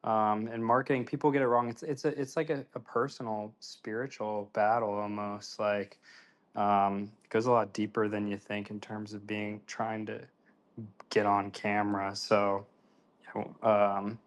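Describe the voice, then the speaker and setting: A man's voice: lowish voice, level tone, a little slow. A man in his twenties from Ohio, hosting a casual online group chat in a loose, slangy way, often repeating words as he goes. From Ohio, USA. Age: 20s. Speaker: host.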